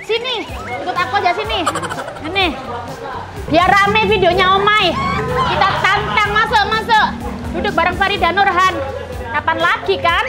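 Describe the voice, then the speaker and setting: High-pitched woman eating on camera. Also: steady tone, normal speed, a loud crowd. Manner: playful, exclamatory, chatty while eating spicy soup and meatballs. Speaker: food vlogger host. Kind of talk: mukbang vlog chat to viewers. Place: small eatery, indoors. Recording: loud music under the voice. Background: loud music.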